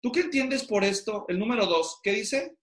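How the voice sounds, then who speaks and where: A man's voice: sits high, expressive, moderate pace, a bit bright. A man teaching theology to pastors in an interactive online class, constantly quizzing his students. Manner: questioning, drawing answers from students. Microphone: video call. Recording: roomy echo.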